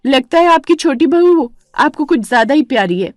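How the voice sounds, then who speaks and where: A woman voicing a bossy, scheming elder daughter-in-law in a dramatized story, talking loud and complaining. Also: high-pitched, animated, normal speed, no room sound, clean studio sound, voice pushed up. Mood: shrill, indignant.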